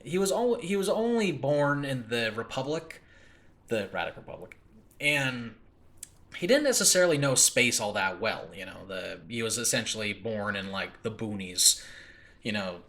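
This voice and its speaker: A man with a mid-range, fairly bright voice speaks animatedly at a moderate pace, hosting an informal solo talk about a fictional world he created. He rambles and keeps interrupting himself with asides. He's a podcast host and audio drama creator, recorded in a makeshift home setup.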